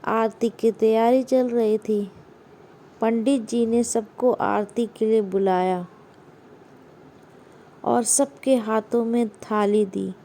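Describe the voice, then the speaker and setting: Woman storyteller, measured scripted narration, mellow and unhurried. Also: fairly high pitch, fairly even intonation.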